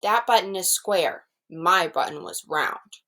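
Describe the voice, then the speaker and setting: A woman's voice: fairly low pitch, measured pace, creaky, a bit bright. A woman voicing a grumpy, exasperated male toad from a children's storybook, complaining emphatically. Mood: upset, frustrated.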